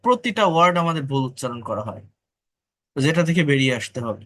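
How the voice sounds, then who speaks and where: A man with a Bengali accent teaching spoken English in an online class, correcting pronunciation word by word and repeating words slowly. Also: a little high, big pitch swings, a bit bright.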